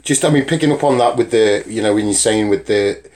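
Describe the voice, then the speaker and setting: A man's voice: fairly low pitch, a little fast, darkish tone. A man interviewing, asking long hesitant questions.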